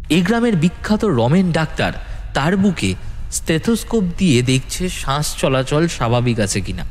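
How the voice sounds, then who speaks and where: A man with a medium-pitched voice narrates a scripted horror story, dramatic, expressive, and full of suspense.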